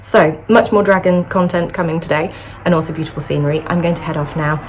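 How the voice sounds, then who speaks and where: Fast-talking, low-voiced woman vlogging by busy road. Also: fairly even intonation. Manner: enthusiastic, gushing. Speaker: book vlogger. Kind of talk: casual chatty vlog to camera. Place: hotel room with traffic noise from a busy road. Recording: clear traffic noise from a busy road.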